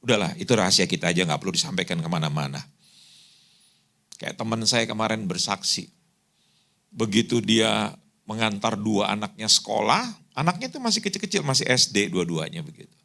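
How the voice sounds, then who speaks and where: A male pastor preaching a sermon, telling lively stories and acting out the people in them. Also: fairly low pitch, brisk, vocal fry, long pauses. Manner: animated storytelling preacher, acts out quoted voices. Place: church hall.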